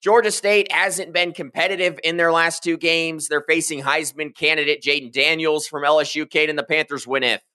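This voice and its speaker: A man co-hosting a college football podcast, steering segments and tossing in quick jokes. His voice sits a bit high and sounds bright and forward. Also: fairly even intonation, smooth. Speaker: podcast co-host. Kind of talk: sports podcast chat.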